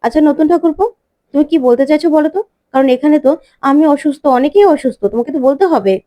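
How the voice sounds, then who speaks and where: A woman's voice: high voice, quick pace, dark tone, lightly acted. A woman voicing a guarded, puzzled young wife in a story recap, wary and questioning.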